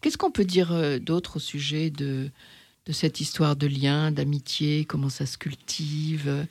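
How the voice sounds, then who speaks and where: Hesitant gravelly radio host. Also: mid-range voice, fairly even intonation, a little slow, a little mellow, no room sound. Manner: hesitant, many restarts. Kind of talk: hosted radio talk.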